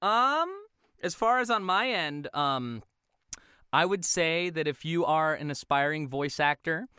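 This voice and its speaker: A young man talks casually as a podcast guest and laughs easily. His voice is clear and smooth, a touch high for a man, and it moves up and down a lot. The sound is close and dry. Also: animated, unhurried, pushed and bright, no echo. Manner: chatty, laughs often, drops into character voices. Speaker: voice actor guest.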